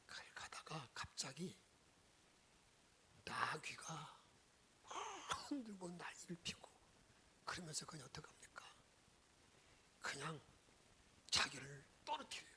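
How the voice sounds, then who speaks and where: A woman's voice: deep voice, very animated, slow, long pauses, pushed and bright. A woman pastor giving a Sunday sermon, telling the story dramatically, acting out the lines and dropping into whispers.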